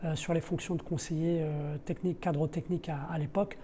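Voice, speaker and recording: A mellow middle-aged man speaks haltingly in a fairly high voice with little pitch movement, over a faint hiss or hum. French isn't his first language; as a football club's deputy sporting director in a podcast interview, he explains things spontaneously, hesitating and repeating words.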